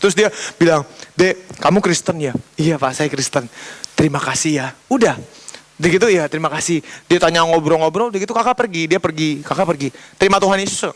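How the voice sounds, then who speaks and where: A man's voice: sits high, a bit bright. A young man giving a casual youth sermon, telling a story and acting out the dialogue in a chatty way. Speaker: youth pastor. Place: church youth service.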